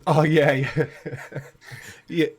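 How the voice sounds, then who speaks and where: A man chats wryly on an online call, his voice a little high for a man. Everything he says booms back with a heavy cave-like echo. He sits well back from his home mic, so he sounds distant and roomy. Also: flat delivery, very slow. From Wales. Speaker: co-host. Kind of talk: casual livestream chat. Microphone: home computer mic over an online call. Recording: echoey room, voice far from mic.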